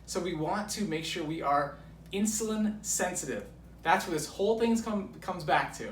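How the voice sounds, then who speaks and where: Far from the mic, with roomy echo and background noise, a man in his thirties sits high in pitch, speaking animatedly at a moderate pace. As a guest coach in a filmed conversation, he explains with enthusiasm and stresses the key points hard.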